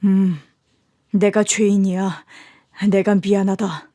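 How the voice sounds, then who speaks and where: Calm powerful businessman father, read by a woman, measured radio-drama delivery, dry. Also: medium pitch, no room sound, lightly acted. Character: powerful middle-aged man, calm company boss.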